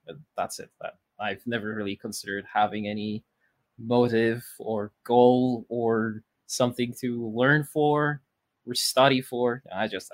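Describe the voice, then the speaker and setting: This guest on a podcast is a thirty-year-old man from Poland with Polish as his first language. His voice is lowish and a bit bright with no echo, and his casual interview talk rambles with fillers and restarts.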